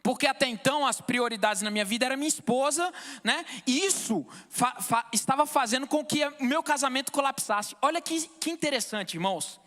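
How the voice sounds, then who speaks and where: A man's voice: extremely high pitch, fairly quick, sharp tone, big-room sound. A man in his thirties from Brazil giving an emotional, fervent testimony in church, often calling out to the brothers. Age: 30s.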